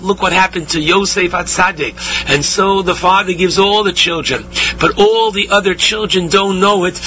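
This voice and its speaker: A man gives a religious talk as a rabbi, teaching in a deliberate, emphatic way with pauses. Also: on the high side, sharp tone. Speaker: rabbi giving a Torah talk. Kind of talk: religious sermon on scripture and blessings. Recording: dull radio-like sound, faint hum and noise.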